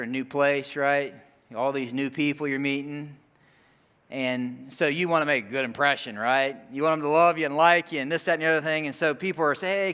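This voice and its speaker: A middle-aged man delivers a sermon, speaking to his congregation in a relaxed, conversational voice at a middle pitch. He tells stories with asides like he's chatting with friends. His voice rings out with the long reverb of a large hall. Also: smooth. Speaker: pastor.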